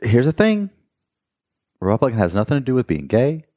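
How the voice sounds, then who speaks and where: A man's voice: medium pitch, fairly quick. A man from North Carolina, a guest in a casual interview, telling profane stories and acting out what people said. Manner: profane, animated storyteller acting out quotes.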